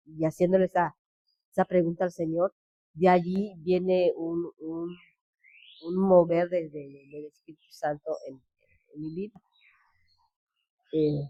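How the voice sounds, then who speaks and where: A woman pastor with a Yucatán Mexican Spanish accent gives a personal testimony in an earnest, halting way, restarting phrases and quoting others. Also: mid-range voice, a little mellow, dry recording, dull audio. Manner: earnest, halting, with frequent restarts and quoted speech. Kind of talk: personal testimony, spoken storytelling.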